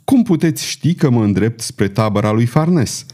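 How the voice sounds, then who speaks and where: A man's voice: medium pitch, sing-song, warm tone. A man voicing a tense, fearful male courier in an audiobook, his voice rising when he is cornered. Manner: anxious, defiant, voice rising under pressure. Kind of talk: audiobook character voice.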